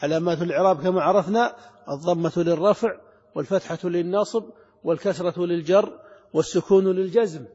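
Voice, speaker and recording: High-voiced man teaching in a hall. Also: fairly quick, darkish tone, husky. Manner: repeats key words and asks the class questions. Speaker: grammar teacher. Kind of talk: classroom lesson explaining grammar. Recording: lo-fi lecture hall recording with long reverb.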